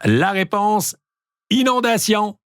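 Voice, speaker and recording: Lively Québécois man joking around. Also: high-pitched, slow pace, smooth, dry recording, studio quality. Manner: playful, exaggerated punchlines. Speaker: host. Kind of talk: comedic monologue.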